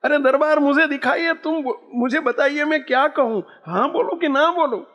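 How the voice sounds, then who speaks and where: Old woman on her deathbed, awed and lost, voice pitched very high and pleading , put on by a male preacher. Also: normal speed, in a large hall, muffled recording. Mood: bewildered pleading. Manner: urgent, pleading questions. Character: frail old woman, bedridden, awed and bewildered.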